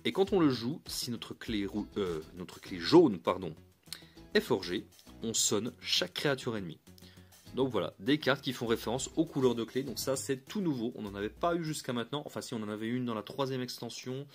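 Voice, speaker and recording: A man's voice: medium pitch, animated, moderate pace, soft background music. A man giving a casual, upbeat card review. He talks in a chatty way, often restarts mid-phrase and chuckles lightly.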